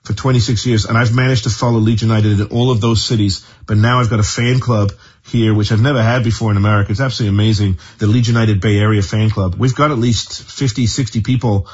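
Fast-talking English man in his fifties. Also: on the low side, fairly even intonation, a little mellow, breathy edge, lo-fi sound. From northern England. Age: 50s. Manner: enthusiastic, rapid and chatty. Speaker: football supporters club member. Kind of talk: interview answers.

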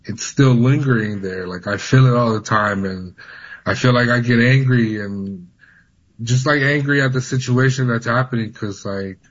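Man, 30s, interview guest, halting, repeats words, mid pitch, muffled audio. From Honduras, raised in California. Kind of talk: personal account in a news interview.

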